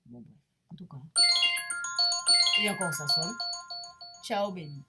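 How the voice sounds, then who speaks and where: A middle-aged woman telling about her experiences in a rambling personal vlog, hesitant and full of restarts, sometimes dropping to a soft murmur. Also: fairly low pitch, unhurried, loud music behind the voice. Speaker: medium vlogger. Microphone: camera mic.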